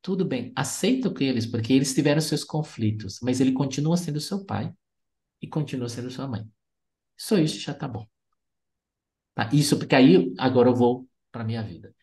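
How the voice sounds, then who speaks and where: A speaker, calmly explaining family dynamics and telling teaching stories on a podcast. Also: normal speed. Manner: gentle, didactic, pitch rising and falling. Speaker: family constellation therapist guest. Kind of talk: explanatory storytelling.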